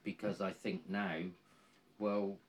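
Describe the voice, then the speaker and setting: A man in his sixties with a Cornish accent, talking casually in an interview in a halting way, circling back over his phrases. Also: deep voice, level tone, a little hiss or hum. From Cornwall, England. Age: 60s. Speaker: interviewee, volunteer woodland ranger.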